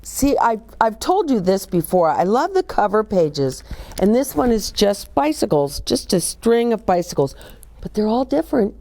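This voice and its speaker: An older woman with a warm, mid-range, sing-song voice hosts story time for children at a moderate pace. Between reading aloud, she talks expressively about picture books and directly questions her young listeners.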